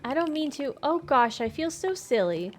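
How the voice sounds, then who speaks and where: A woman's voice: high voice, very animated, normal speed, faint music behind. A woman reading the lines of an emotional woman who is crying while she meets an old friend's child. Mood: tearful.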